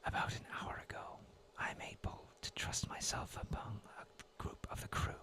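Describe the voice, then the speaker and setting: A man's voice: moderate pace, sharp tone. A man in his twenties from New England, reading a classic sea tale aloud in a whispered role-play ASMR style. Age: 20s. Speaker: storyteller.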